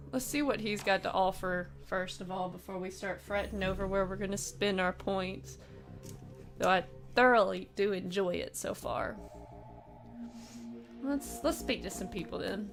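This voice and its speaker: A woman's voice: mid-range voice, measured pace, pauses often, over music. Woman musing through a game. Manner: musing, thinking aloud. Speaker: let's play host. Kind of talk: casual gameplay commentary.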